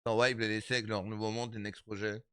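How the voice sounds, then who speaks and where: A man of thirty-five chatting casually with his stream viewers, animated and repetitive, calling them his brothers. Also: fairly low pitch, brisk, clear, resonant tone, no echo, studio quality. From Italian background. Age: 30s.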